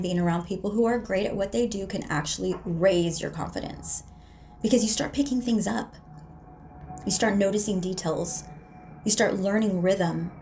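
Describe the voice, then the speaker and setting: Woman doing a slow inspirational faith talk, stretches her phrases, drops to almost whispering sometimes. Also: mid-range voice. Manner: slow, emphatic, drawn-out phrases with soft near-whispered words. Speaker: vlogger. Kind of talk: inspirational faith-based monologue.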